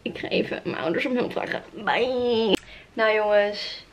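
A young woman chatting casually in a vlog from her bedroom, gushing and excited, talking to a handheld camera. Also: mid-range voice, a little slow. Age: young adult. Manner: excitable, gushing, exclaims often. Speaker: vlogger. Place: bedroom at home. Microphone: handheld camera at arm's length.

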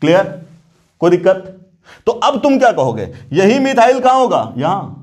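A man's voice: sits high, wildly swooping pitch, normal speed, darkish tone. A male chemistry teacher lecturing a class, often repeating questions and checking that students follow, calling them "beta". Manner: addresses students casually as beta.

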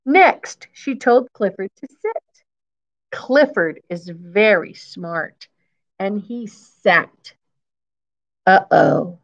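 Speaking extremely slowly with long pauses and vocal fry, a woman in her fifties reads a picture book to young children in a school classroom. Her medium-pitched voice is animated, and she repeats key phrases and adds simple explanations like a teacher. The sound is lo-fi.

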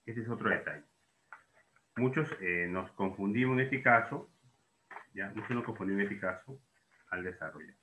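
A man's voice: lowish voice, normal speed, pauses often, bright, forceful tone, reverberant, a little hiss or hum. A man teaching a lesson, asking and answering his own questions and putting students' doubts into words. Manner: explains in questions, voicing students' doubts himself. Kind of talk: classroom lesson.

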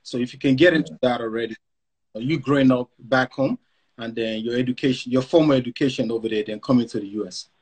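Man from Nigeria, host, upbeat and chatty, a bit husky, video call. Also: medium pitch, fast talker. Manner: upbeat, chatty, with slangy asides. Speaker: interviewer host. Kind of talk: casual interview. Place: home room.

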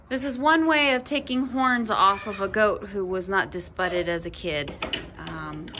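A woman in her thirties giving a casual tour of her small farm, introducing each animal in a friendly, unhurried way, filmed on a handheld phone in a barn and outdoors. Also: mid-range voice, noisy background. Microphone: handheld phone camera.

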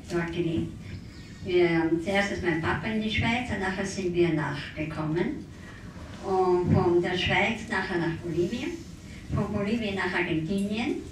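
An older woman giving a plain, matter-of-fact self-introduction into a handheld mic at a round-table meeting. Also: lowish voice. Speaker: participant telling her emigration story. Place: large wood-panelled hall indoors. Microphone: handheld mic, far camera. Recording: echoey hall, camera far off, hiss.

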